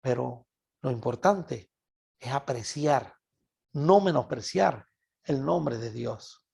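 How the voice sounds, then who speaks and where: A man from Venezuela with a Venezuelan Spanish accent, preaching a Bible study sermon in an animated way and repeating words for emphasis. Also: mid-range voice, slow, vocal fry, husky.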